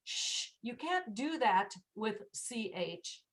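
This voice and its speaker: A woman's voice: on the high side, very animated, very slow. A woman teaching English pronunciation in an online class, patiently demonstrating sounds. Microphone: video call.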